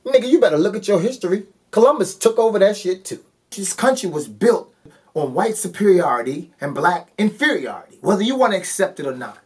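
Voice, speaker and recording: Impassioned man with a lively, swinging voice. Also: sits high, fairly quick. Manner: forceful, blunt, profane, rhetorical questions. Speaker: video creator. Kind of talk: impassioned spoken monologue.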